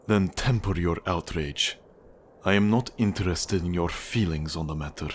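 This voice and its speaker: In an ASMR roleplay, a man plays a cold, manipulative Russian mafia boss, speaking with a Russian accent in a husky low voice. His delivery is measured, condescending and menacing, though close to an everyday voice. There's slight background noise.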